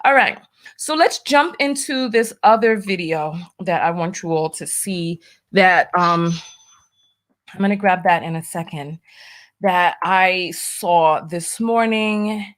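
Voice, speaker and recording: This livestream host, a New Yorker whose accent is only partly masked, speaks slowly in a lowish, fairly bright voice. She's chatty, reads donations from viewers and makes wry remarks while putting on her makeup.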